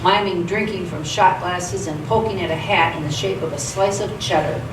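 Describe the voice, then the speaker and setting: A woman with a fairly low voice reads scripted narration at a normal speed, serving as narrator of a live radio theatre play. The mic is distant in an echoey theatre, with clear background noise.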